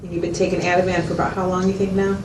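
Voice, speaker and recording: In a role-played consultation, a woman plays a patient, methodical mental health clinician, explaining things and checking understanding through questions. Her natural voice is fairly low with little pitch movement, and she talks very fast. The sound is echoey and noisy, picked up by a distant mic.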